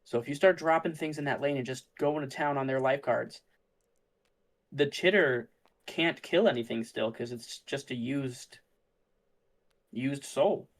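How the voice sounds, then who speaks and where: A man with an ordinary mid-range voice talks through a card game tournament. He muses aloud about each play in a relaxed, chatty way. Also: mid-range voice, measured pace, pauses often. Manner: thinks aloud, musing and easygoing. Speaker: tournament commentator. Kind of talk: casual play-by-play commentary.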